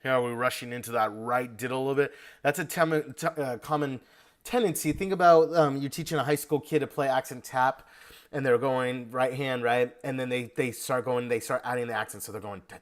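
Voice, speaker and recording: Male drum instructor, energetic feedback delivery, sings rhythms, mid pitch. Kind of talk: video lesson feedback.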